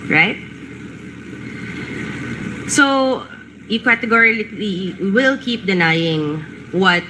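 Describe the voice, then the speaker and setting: A woman's voice: mid-range voice, noisy background. A woman questioning a witness at a hearing, pressing with pointed questions. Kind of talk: formal hearing interrogation. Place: hearing room.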